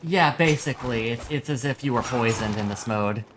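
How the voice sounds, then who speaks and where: A man's voice: medium pitch, normal speed, noisy background. A man who sounds just woken up, giving casual, sweary live game commentary and explaining as he plays. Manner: informal, sweary, explains as they play. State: groggy, just woke up. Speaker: game streamer.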